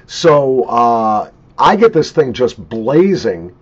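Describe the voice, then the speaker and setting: Man in his sixties, husky voice, lively varied pitch, casual opinionated reviewer, emphatic, dull desk-mic recording. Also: slow pace. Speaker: pipe tobacco reviewer. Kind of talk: casual unscripted product review. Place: small cluttered home office, indoors. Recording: dull lo-fi webcam sound.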